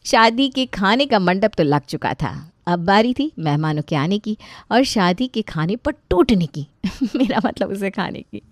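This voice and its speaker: A woman's voice: medium pitch, dry recording, clean studio sound. A woman narrating a comic cartoon story with playful asides to the listener. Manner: chatty, joking asides to the listener.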